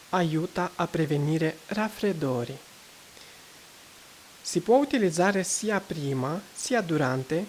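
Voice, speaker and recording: In this casual mic test vlog, a low-pitched woman tries out several microphones, including a condenser, inside a room. She chats with hesitation and lots of fillers, then stumbles through a passage read from a book. The audio is poor, carrying a little hiss or hum.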